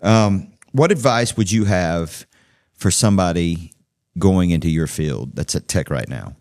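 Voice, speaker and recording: Deep-voiced man hosting, lively pitch. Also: a little slow, no echo, studio quality. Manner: affirming, chatty, keeps saying "yeah". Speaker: podcast host. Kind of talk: casual interview talk. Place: recording studio.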